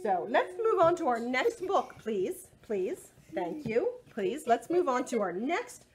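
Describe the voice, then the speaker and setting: Reading stories and leading action songs for kids, a middle-aged woman sounds playful and sing-song. She talks slowly in a high voice that swings widely in pitch. The indoor recording was made on a device set a little way off.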